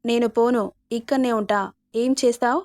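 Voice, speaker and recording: A woman's voice: on the high side, fairly even intonation, normal speed, darkish tone, no room sound, lightly acted. A woman reading a storybook villain, a controlling young man who threatens and taunts. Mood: menacing. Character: menacing young male villain, controlling and cruel.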